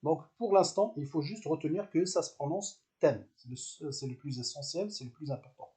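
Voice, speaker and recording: Man, teacher, patient lesson delivery, repeats syllables, hesitant fillers, mellow tone. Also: fairly high pitch, animated, moderate pace. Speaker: Arabic language teacher. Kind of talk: step-by-step lesson explanation.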